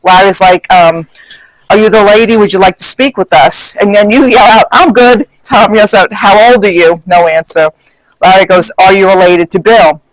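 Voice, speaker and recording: A man's voice: sits high, moderate pace, dry recording, poor audio. A man recapping a paranormal investigation in casual talk, reading back questions and answers from his notes.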